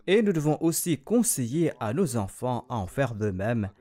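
A man's voice: mid-range voice, very animated, dark tone. Earnest man reading a translated sermon. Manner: measured, earnest exhortation with rhetorical questions. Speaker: sermon interpreter. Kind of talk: translated sermon, read aloud.

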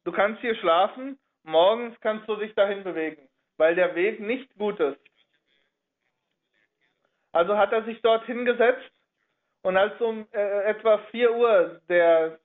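Over a thin, tinny, phone-like line, a man with a high voice relates religious history haltingly, repeatedly reshaping sentences partway through.

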